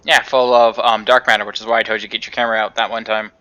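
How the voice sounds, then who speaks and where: A man chatting casually on a game stream, helping a friend through the game in a relaxed, helpful way with little fillers. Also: fairly low pitch, rapid-fire, smooth.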